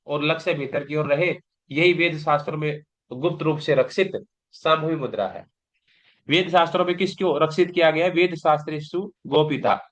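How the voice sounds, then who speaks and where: A man's voice: fairly high pitch, a bit bright. A man teaching a recorded yoga exam-prep lecture, explaining patiently and often asking and answering his own questions. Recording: dull lo-fi class recording.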